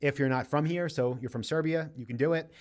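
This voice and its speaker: A man's voice: on the high side, fairly quick. Casual man answering live questions. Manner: relaxed, conversational, reads out questions and answers directly. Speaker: host answering viewer questions.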